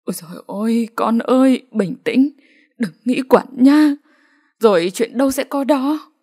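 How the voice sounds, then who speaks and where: Woman narrator putting on an elderly village grandma, high, quick, sharp-tongued; audio storybook. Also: lively intonation, slightly rough. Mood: soothing. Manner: scolding, frantic, rapid-fire.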